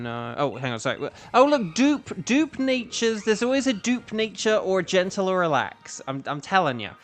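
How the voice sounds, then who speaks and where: A game streamer with a mid-range voice talks casually to chat in an echoey room. The delivery rambles and repeats itself, with faint music behind it. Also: medium pitch. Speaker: livestream host. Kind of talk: casual gaming livestream chat.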